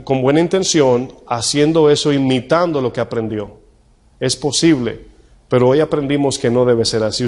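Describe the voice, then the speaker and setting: A male pastor preaching a sermon in a conversational tone, asking the congregation questions and slowing down to read scripture. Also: medium pitch, a little mellow. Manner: slows right down when reading scripture. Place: church hall. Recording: long church-hall reverb.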